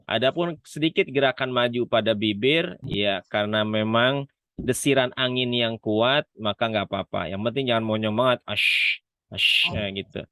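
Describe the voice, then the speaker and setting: A man's voice: medium pitch, normal speed, a bit bright, clean tone, no echo. A man teaching Quran letter pronunciation in an online class, patiently demonstrating sounds again and again. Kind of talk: online Quran reading lesson.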